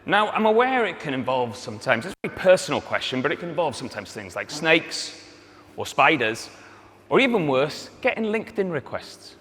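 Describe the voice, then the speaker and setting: A man's voice: a little high, big pitch swings, a little fast, fairly bright tone. A man with a North Wales accent giving a live business presentation as a company founder, addressing the audience directly. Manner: rhetorical questions and wry asides to the audience. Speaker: company chief executive and co-founder giving a pitch. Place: indoor hall at a demo day event. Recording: echoey hall, noisy live event.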